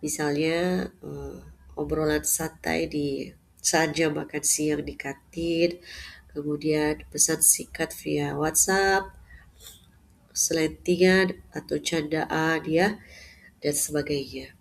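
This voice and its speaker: A woman lecturing at an unhurried pace, her voice sitting slightly low. She moves through her points with filler pauses and "ya" tags at the ends of phrases. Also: fairly even intonation, gravelly. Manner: measured, with frequent "eh" fillers and "ya" tags. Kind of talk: unscripted lecture.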